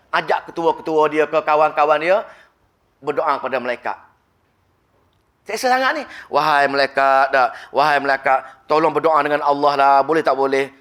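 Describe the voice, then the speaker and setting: A Malaysian man preaches a Ramadan sermon with a Malay accent, his voice sitting fairly high for a man. He tells the story in an animated way, voicing its characters and slowing down to recite verses in Arabic.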